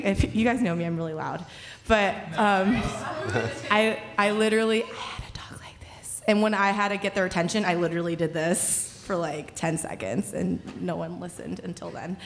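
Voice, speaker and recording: A young woman sharing a chatty, bubbly testimony at a stand mic on a church stage, laughing often between thoughts. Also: fairly low pitch. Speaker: youth leader sharing at church. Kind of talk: casual testimony.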